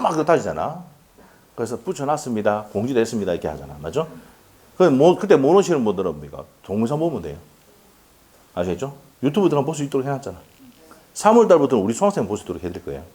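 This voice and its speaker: This law lecturer talks in a rapid-fire, sing-song way at medium pitch, his tone leaning dark. Keeping things casual, he asks the class questions, answers them himself, and often laughs and jokes with the students.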